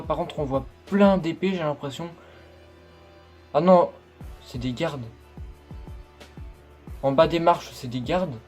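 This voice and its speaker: A man's voice: mid-range voice, darkish tone. A tired man reading a manga chapter aloud and commenting on it, stumbling over words as he goes. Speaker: manga reaction streamer.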